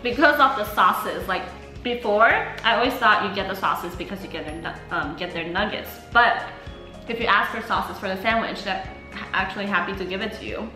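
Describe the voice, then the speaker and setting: A woman's voice: medium pitch, fairly quick, pushed and bright. A woman chatting casually and enthusiastically as a mukbang host while eating crunchy fried chicken. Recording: roomy echo, faint background music.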